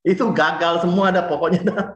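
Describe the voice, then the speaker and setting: A man in his forties from Indonesia giving a lively, chatty motivational talk and speaking straight to his listeners. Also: high voice, fairly quick, reverberant, dull audio. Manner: lively and chatty, often addresses the listeners directly.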